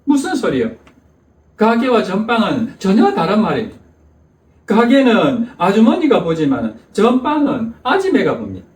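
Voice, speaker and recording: A man's voice: high-pitched, huge pitch swings, moderate pace, a little mellow, recorded from a distance. A man voicing a stubborn, pedantic older male school principal who curtly insists in a raised voice, heard in an echoey church hall. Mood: insistent. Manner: insists curtly, keeps repeating that the words differ.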